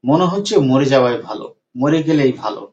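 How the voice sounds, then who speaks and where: A man's voice: medium pitch, big pitch swings, fast, a little mellow, close to an everyday voice. A man voicing a weary, despairing patient. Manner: repeats complaints in a pleading, tired tone. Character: weary middle-aged patient, despairing and complaining. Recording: dull lo-fi recording.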